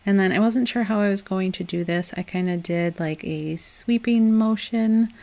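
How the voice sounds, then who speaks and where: A woman's voice: mid-range voice, moderate pace. A young woman chatting through a home craft tutorial in a casual, upbeat voice-over. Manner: chatty and upbeat, with soft laughs and loose restarts. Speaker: DIY home decor vlogger.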